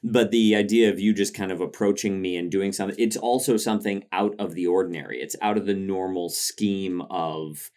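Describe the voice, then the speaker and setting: A man's voice: sits low, a little fast, few pauses, a little mellow. A man co-hosting a podcast in casual chat, hesitant, with many restarts and fillers. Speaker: podcast co-host.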